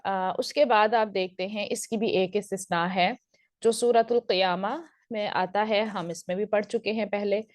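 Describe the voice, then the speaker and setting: A woman's voice: medium pitch, steady tone, normal speed, dry recording, clean studio sound. A woman teaching Quran recitation rules in a recorded lesson, explaining step by step and putting questions to her students before answering them.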